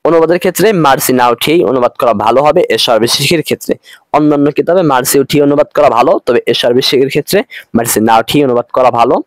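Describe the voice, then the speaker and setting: Teaching Arabic grammar online, this Bangladeshi Bengali-accented man is patient and repetitive, easing his pace on each Arabic phrase. He speaks in a mid-range voice, with no room sound audible.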